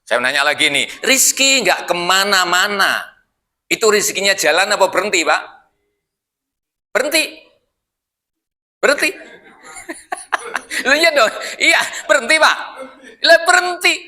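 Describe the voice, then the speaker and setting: A man's voice: high-pitched, animated, a little slow, pauses often, sharp tone. A middle-aged man, preaching in a mosque and teasing his listeners with questions. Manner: playful, teasing the audience with questions. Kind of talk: sermon.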